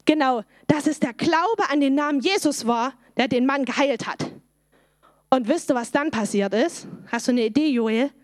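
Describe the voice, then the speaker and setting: A woman, telling a Bible story to children in a lively way and asking them questions. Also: high voice, normal speed, dry recording, studio quality.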